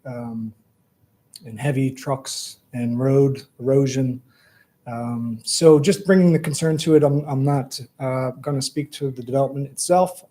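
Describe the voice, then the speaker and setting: A man speaking as a resident at a planning meeting, giving hesitant public comment in a halting way. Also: medium pitch, dark tone.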